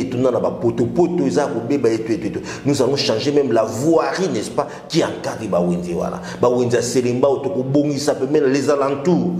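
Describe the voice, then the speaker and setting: A man appears as a political guest on a talk show, speaking emphatically and mixing French with Lingala. His voice is medium-pitched and mellow, and the room is echoey.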